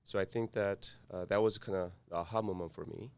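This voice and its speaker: Low gravelly man with a Korean accent. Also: steady tone. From South Korea. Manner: halting, many fillers and restarts. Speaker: guest, cybersecurity firm founder. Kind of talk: podcast interview.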